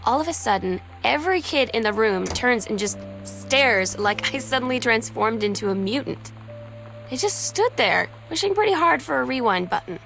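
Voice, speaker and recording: A woman's voice: fairly high pitch, expressive, normal speed, vocal fry, fairly bright tone, faint music behind, rough recording. An actress voicing a sardonic teenage girl who confides in her older sister, in game voice-over narration. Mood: wry. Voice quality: sardonic, self-mocking.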